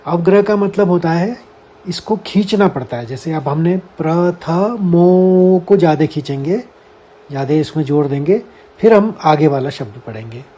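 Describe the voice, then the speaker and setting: A man's voice: a little high, animated, moderate pace, dark tone, muffled recording. A man teaching a scripture lesson, explaining word meanings and carefully sounding out each Sanskrit syllable for his listeners. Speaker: Gita teacher.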